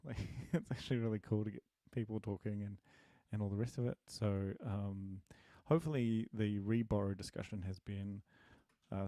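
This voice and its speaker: A man with a low, warm voice teaches programming on a casual live stream from his home desk in a dim room. He answers questions and thinks aloud, friendly and self-deprecating, with lots of fillers and restarts. There's no echo.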